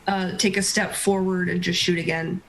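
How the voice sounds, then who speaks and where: A player in a tabletop game, describing actions and making dry, deadpan jokes. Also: medium pitch, moderate pace, noisy background.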